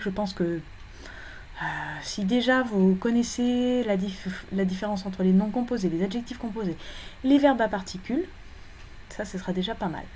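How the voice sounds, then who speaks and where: A woman lecturing on English phonology for exam preparation, her voice mellow and warm at an ordinary middle pitch. She explains step by step, often pausing on fillers and correcting herself mid-phrase. A faint background noise sits under the recording.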